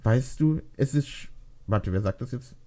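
A man voicing a thoughtful, caring pregnant teenage girl in a read-aloud fan fiction story, with a gentle, hesitant delivery. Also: medium pitch, animated, normal speed, close to an everyday voice. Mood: gentle, kind.

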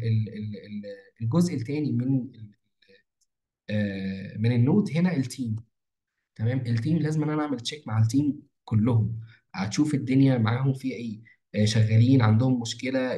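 A man's voice: medium pitch, lively intonation, warm tone. A young man with an Egyptian Arabic accent, talking a viewer through a daily planning routine as a marketing mentor, often repeating himself and restarting words. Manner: rapid, repetitive, with many false starts and stretched fillers. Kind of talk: casual screen-share tutorial.

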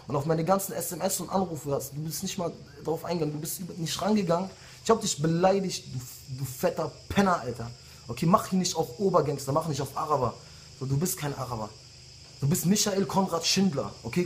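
A man's voice: a little high, a little hiss or hum. A man in his late twenties, a rapper delivering a heated, insulting diss message straight to his rivals. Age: late 20s. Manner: heated, insulting rant with repeated jabs. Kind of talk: angry diss video message.

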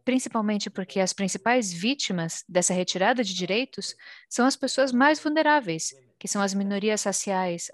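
A woman with a Brazilian accent interpreting a formal speech live, phrase by phrase with pauses. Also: medium pitch. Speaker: simultaneous interpreter.

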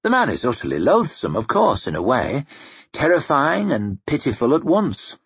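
Brief: tired, ailing man with wry understatement, read by a male narrator; husky and low-fi. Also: wildly swooping pitch, normal speed, no echo, muffled recording, heavily acted. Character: weary sick middle-aged man, wry.

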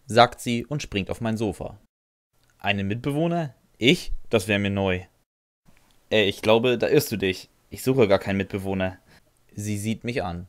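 A man reads a first-person fan audio drama in a dry, sardonic tone, answering the other figure with hesitant "äh"s. His voice sits on the low side and is recorded close and dry, with no room sound around it. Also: moderate pace, dry recording. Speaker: narrator and first-person lead.

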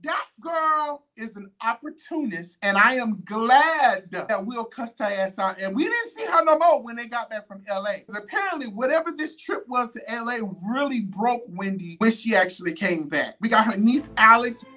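A woman hosting a podcast, giving sassy, animated gossip commentary full of colloquial asides. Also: on the high side, normal speed, hardly any pauses. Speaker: podcast host.

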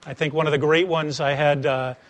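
With a fairly high voice and a fairly quick pace, a middle-aged American former engineer, now a sales trainer, gives a conversational lecture. He tells stories animatedly, acting them out and asking rhetorical questions. The talk is captured on a lapel mic in an attic seminar room with a wooden floor.

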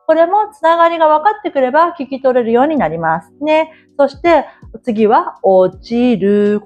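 A woman's voice: high voice, darkish tone, lo-fi sound. A woman teaching as an English coach in a casual lecture, coaxing her listeners and sounding out words as she drills them.

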